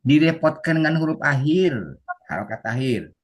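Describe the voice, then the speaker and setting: A man from West Java, giving an animated Arabic teacher-training lecture over a video call. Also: a little high, moderate pace. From West Java, Indonesia. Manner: animated, acts out students' voices. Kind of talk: online class lecture.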